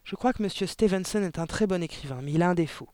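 A man voicing a clever, polite little girl pupil in an audiobook, earnest and matter-of-fact, raising his pitch for her. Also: fast, darkish tone, dry recording, studio quality, lightly acted. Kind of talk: audiobook character voice.

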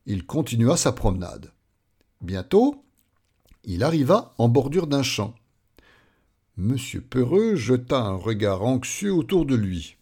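A man reading a children's story aloud in an expressive, playful way. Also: medium pitch, measured pace, long pauses, breathy edge.

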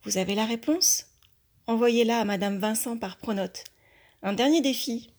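Husky woman reading a kids' mystery. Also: fairly high pitch, moderate pace. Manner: clear, expressive storybook reading. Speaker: storyteller reading to schoolchildren. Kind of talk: reading a children's mystery story aloud.

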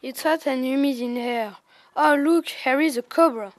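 A schoolgirl playing a lively, teasing pupil in a school play. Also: sits high, moderate pace, dry recording, close to an everyday voice. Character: pupil on a zoo trip.

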